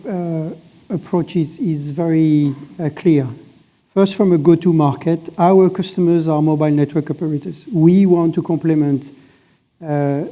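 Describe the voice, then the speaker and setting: Dark-voiced man on a conference panel. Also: a little high. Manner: measured, emphatic, restarts phrases. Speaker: panelist, satellite operator executive. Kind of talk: industry panel discussion.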